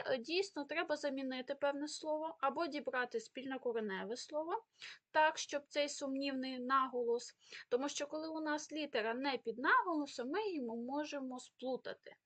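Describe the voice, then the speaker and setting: A woman with a high, light voice and a Ukrainian accent teaches an exam prep lesson. She explains rules step by step, with filler pauses. She reads out example words one at a time with clear stress. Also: a bit bright. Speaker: Ukrainian language tutor.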